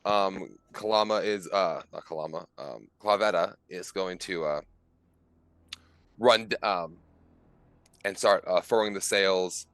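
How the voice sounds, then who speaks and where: A man narrating as game master of a tabletop game, casual and halting, with many fillers. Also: low voice, a bit bright, no echo.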